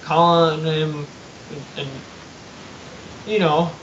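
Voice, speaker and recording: A man's voice: fairly high pitch, little pitch movement, fairly bright tone, highs cut off, slight background noise. A young man on a live stream, chatting casually and swearing freely, with frequent restarts. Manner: loose, profane, halting restarts. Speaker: co-host.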